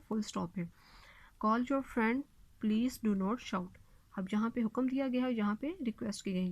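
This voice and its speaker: A woman teaching a recorded lesson. She reads the sentences slowly and deliberately, then explains them quickly in Hindi. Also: fairly high pitch, a little mellow, no room sound, rough recording. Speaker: school English teacher.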